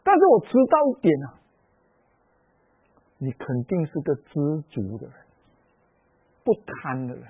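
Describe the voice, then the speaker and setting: Animated Malaysian Mandarin preacher. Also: male voice, medium pitch, unhurried, pauses often, breathy edge, dry recording. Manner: animated storytelling with frequent particles. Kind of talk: sermon-style personal story. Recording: tinny phone-like dry audio.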